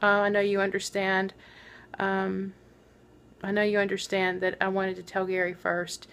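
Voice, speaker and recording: A woman's voice: mid-range voice, monotone, fairly bright tone, clean tone. Subdued woman fighting back tears. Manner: subdued, halting, many pauses and fillers. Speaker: vlogger. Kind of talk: personal video diary.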